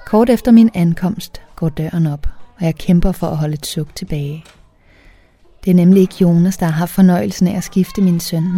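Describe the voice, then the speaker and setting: Low, mellow-voiced woman narrating a story. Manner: conversational, lightly acted dialogue. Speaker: audiobook narrator. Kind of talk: first-person story narration.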